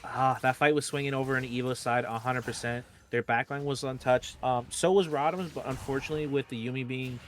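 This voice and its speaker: A man co-casting an esports match, breaking down the plays in a quick conversational way. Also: mid-range voice, fairly even intonation, fairly bright tone, slight background noise. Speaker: esports color commentator. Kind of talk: game analysis commentary.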